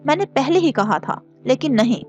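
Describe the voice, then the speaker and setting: A woman's voice: sits high, expressive, normal speed, dull audio, faint music behind. A woman voicing a mischievous young man who playfully teases his friend. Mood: teasing. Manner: teasing and playful.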